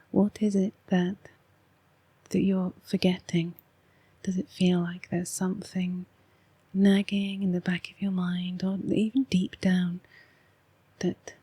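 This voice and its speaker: A woman with an English accent, speaking in a hushed, half-whispered voice as she hosts a soft-spoken, rambling ASMR card reading. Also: mid-range voice, breathy edge, no echo. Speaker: oracle card reader and ASMR host.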